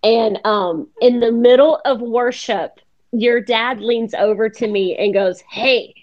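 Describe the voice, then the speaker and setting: A woman's voice: fairly high pitch, a little slow. Chatty woman host with a lo-fi sound. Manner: warm storytelling, laughs often. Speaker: podcast host. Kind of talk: casual faith chat. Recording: dull lo-fi sound.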